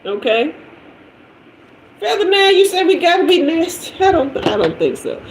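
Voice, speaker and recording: A woman in her 50s hosts a tarot livestream, reading comments and chatting loosely with viewers in slangy, casual talk. Her voice is extremely high and sing-song, at a moderate pace. The room is echoey, with faint noise.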